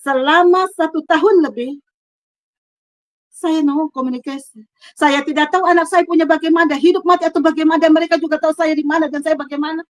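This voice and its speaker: A woman's voice: sits high, fairly even intonation, a little fast, no echo, rough recording. A middle-aged woman in her bedroom giving an emotional faith testimony, fervent and full of restarts and repetitions.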